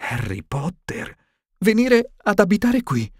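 A man voicing a stern elderly female professor in an audiobook, higher and tremulous, shaken and indignant. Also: wildly swooping pitch, takes it slowly, no echo, studio quality, exaggerated voice.

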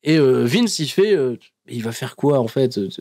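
A man hosting a podcast, recapping in a casual, animated storytelling way and laughing often between fillers. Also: medium pitch, normal speed. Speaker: podcast host recapping wrestling episodes.

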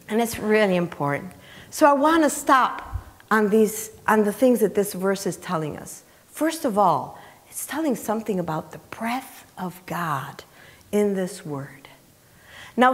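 In a church sanctuary, a middle-aged woman stands on the platform preaching a sermon from scripture to the congregation. Her medium-pitched voice reverberates around the big room as she speaks conversationally but with emphasis, asking questions and repeating key phrases.

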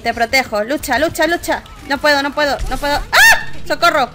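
A young woman from Spain with a Spanish accent, giving excitable live gameplay commentary and often shrieking and laughing. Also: high voice, fairly quick, over loud music. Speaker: gaming YouTuber.

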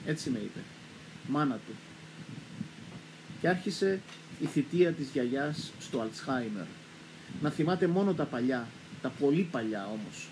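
A man with a Cypriot accent reading a literary text aloud in a calm, measured storytelling way. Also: mid-range voice, noisy background. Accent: Cypriot Greek. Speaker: literature reader.

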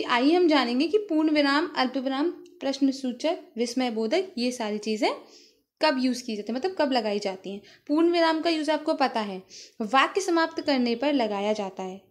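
A woman, a school teacher giving a grammar lesson to her students, explaining slowly and asking them questions she then answers herself. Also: on the high side.

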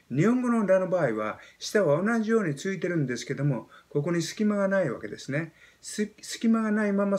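A Japanese man in his seventies teaching pronunciation, explaining step by step and demonstrating sounds with animated emphasis. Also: high voice. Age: 70s. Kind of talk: explaining lesson.

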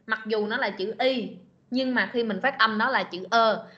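A woman teaching an online class, patiently repeating words slowly to model pronunciation. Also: fairly high pitch. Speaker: English teacher. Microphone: video call. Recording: lo-fi video meeting recording.

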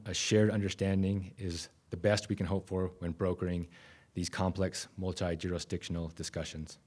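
A man, giving a conference keynote from a podium microphone in a conference room, measured and with frequent restarts. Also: low voice, mellow. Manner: measured, self-correcting restarts. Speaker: keynote speaker.

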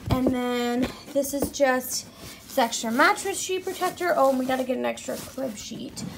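Over a noisy background, a woman whose gravelly voice sits high talks at normal speed while touring her home on camera, room after room. The vlogger is pregnant, occasionally breathless, and rambles with many ums and likes.

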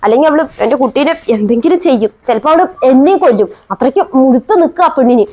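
A woman plays a bossy middle-aged mother-in-law in a home family skit, speaking. Her voice sits high and sharp as she nags and hurls insults without letup. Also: animated, very fast, muffled recording. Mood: scolding. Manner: nagging, shrill, scolds and insults.

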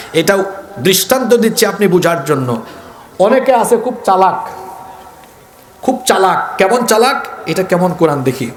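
A high-voiced man from Bangladesh preaches a sermon, firing questions at the crowd and calling for them to answer aloud. His voice rings out through an echoey public address sound. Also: a little hiss or hum. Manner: exhorting, questions the crowd and asks for loud answers. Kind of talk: sermon at an outdoor religious gathering.

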